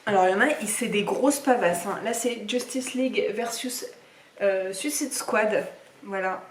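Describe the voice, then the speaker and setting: Showing her books in a reading vlog, a young woman rambles casually with plenty of fillers. She talks at a measured pace in a medium-pitched voice. The recording carries a little hiss or hum, with echoey room sound and some distance from the mic.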